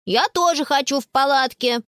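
A sulky little boy whines and insists in a high, squeaky voice, as a woman reads him in an audiobook. His pitch jumps all over, and the sound is close and dry. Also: lively intonation, a little slow, fairly bright tone, no echo. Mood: whiny. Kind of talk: audiobook character voice.

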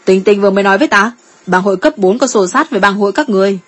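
A brash, joking male guild member boasts and blusters, as a woman reads his lines. The voice is slightly husky and stays at a middle pitch. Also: animated, rapid-fire, soft background music, close to an everyday voice. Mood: blustering.

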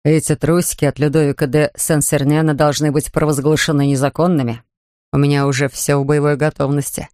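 A man reading an audiobook, voicing an amorous, indulgent young man in a lowered, murmuring voice, in a dry studio. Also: little pitch movement, a little fast, a little mellow, dry recording, lightly acted.

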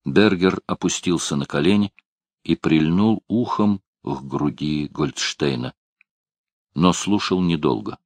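A man reading a novel aloud in a measured, somber narration. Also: deep voice, no room sound. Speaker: audiobook reader. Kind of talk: scripted narration.

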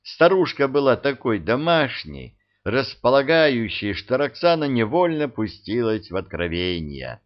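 A man narrating an audiobook in a lively, expressive reading. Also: medium pitch, measured pace. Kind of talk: scripted narration. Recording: dull lo-fi audio.

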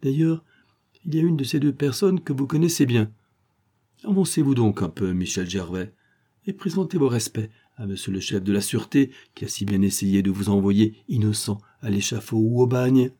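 A man reading an audiobook, voicing a cool-headed sly sleuth who speaks calmly with amiable mockery. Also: mid-range voice, moderate pace, breathy edge, natural voice. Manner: calm, amiable, gently mocking. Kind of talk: audiobook character voice.

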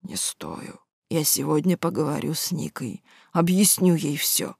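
A narrator voicing a sleepy, insolent young male student who answers back in a low, sullen voice. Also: steady tone, moderate pace, vocal fry, a little mellow, husky, no echo, studio quality. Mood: subdued.

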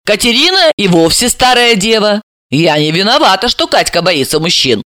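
Brief: a woman reader as a bossy, shrieking aunt, lively pitch and bright tone. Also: normal speed, no echo. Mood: scolding. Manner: scolding, shrieking, caustic. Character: domineering older aunt, sharp-tongued and shrill.

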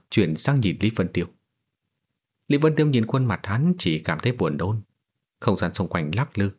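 A man narrating a fantasy audiobook in a steady storytelling delivery. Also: lowish voice, slightly rough.

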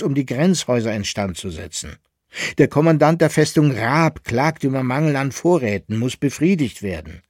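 An exasperated merchant grumbles about his troubles in a dry, close radio reading. A man reads him with a husky voice that carries a steady note of complaint. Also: a little high, dry recording, pitched above the performer's own voice. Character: indignant middle-aged male merchant, grumbling.

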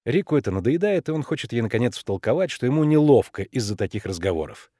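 A man reads an audiobook aloud with lively, animated pitch movement. The recording is dry and close, with no room around the voice. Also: quick pace, dry recording. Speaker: audiobook narrator. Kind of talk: scripted narration.

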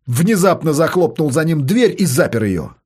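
A man reading a story aloud, narrating in a steady, dramatic way. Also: on the high side, moderate pace, husky.

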